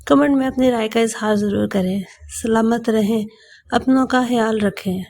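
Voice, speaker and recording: A woman narrating a romance novel in a steady, even storytelling manner. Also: fairly high pitch.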